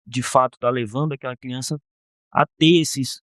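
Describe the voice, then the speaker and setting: A man, a counselor on a podcast, explaining in a measured way with frequent tag questions. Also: mid-range voice, steady tone, no echo, clean studio sound. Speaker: guardianship counselor. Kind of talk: podcast interview.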